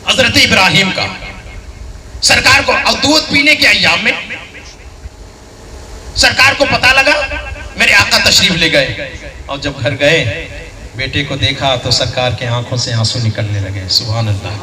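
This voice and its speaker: Man, preacher, passionate sermon, shouts then hushes, questions to the crowd, distant mic, crowd murmur. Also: animated, unhurried, long pauses. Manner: swings from shouted, high-pitched outbursts to low, hushed phrases; keeps asking the audience direct questions. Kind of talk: impassioned sermon to a live congregation. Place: large gathering hall with a responding audience. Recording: roomy echo, voice picked up from a distance, crowd audible.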